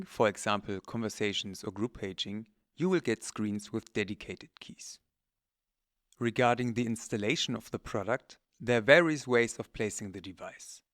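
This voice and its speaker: A man with a mid-range, slightly bright voice narrates a scripted instructional presentation for technical product training. He's methodical and matter-of-fact, captured in a dry, clean studio recording.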